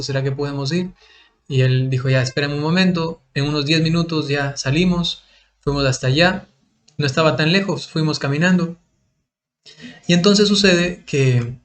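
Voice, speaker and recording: A young priest in his early adult years recounts a personal experience in a loose, conversational voice that sits a little high for a man. He often closes his phrases with a quick questioning tag, as if checking in with the listener. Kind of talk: personal storytelling.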